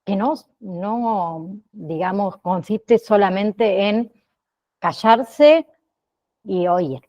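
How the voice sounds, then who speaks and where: Slow-talking woman teaching an online class. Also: medium pitch, mellow, dull audio. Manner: slow, checks in with frequent "¿sí?" and "¿bien?".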